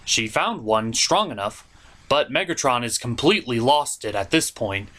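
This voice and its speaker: Forceful and bright, this man's expressive mid-range voice moves at a moderate pace. As host of a cartoon review show, he offers scripted commentary that is informal, opinionated and comedic, with exaggerated emphasis.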